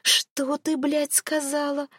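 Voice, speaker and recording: A woman's voice: fairly low pitch, normal speed, darkish tone, breathy edge, no echo. A hissing, menacing man full of jealous contempt, as a woman reader puts him on speaks crude threats in an audiobook. The sound is dry and close, with no room around it. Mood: furious. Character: cruel, furious man lover, contemptuous and jealous. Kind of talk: audiobook character voice.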